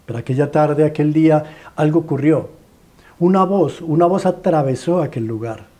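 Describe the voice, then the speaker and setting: A Colombian man preaching in a fairly high voice with a mellow, warm tone. He tells the story dramatically and pleads with his listeners, piling up rhetorical questions and repeating his phrases. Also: moderate pace.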